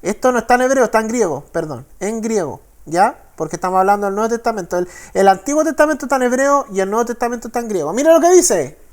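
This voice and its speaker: A man with a Chilean Spanish accent, a pastor teaching the Bible in a sermon. He reads verses slowly and keeps checking with listeners. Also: high voice, very animated. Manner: frequent tag questions, slow deliberate verse reading.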